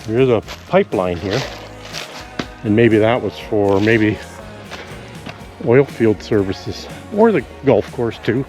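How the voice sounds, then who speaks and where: A man vlogging outdoors on a country walk, musing aloud in a relaxed, rambling way with pauses as he thinks. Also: fairly low pitch, music in the background. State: out of breath after a steep climb.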